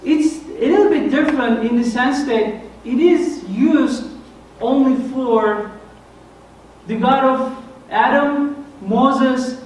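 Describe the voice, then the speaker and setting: A high-voiced man with a thick Turkish accent, giving an earnest explanatory talk. He sounds set back from the mic in a very echoey church hall. A faint hiss sits under his voice. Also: takes it slowly, distant mic. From Turkey. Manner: earnest, explanatory, self-deprecating humor. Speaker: guest speaker. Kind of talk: church presentation on Islam.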